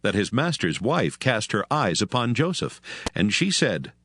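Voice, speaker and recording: A man's voice: on the low side, sing-song, measured pace, fairly bright tone, dry recording, studio quality. A man reading a scripted, dramatized scripture story as its narrator.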